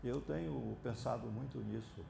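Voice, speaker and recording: A Brazilian psychiatrist giving a reflective, digressive lecture in an auditorium, with drawn-out pauses and hesitant fillers. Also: male voice, mid-range voice, gravelly, background noise. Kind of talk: unscripted lecture.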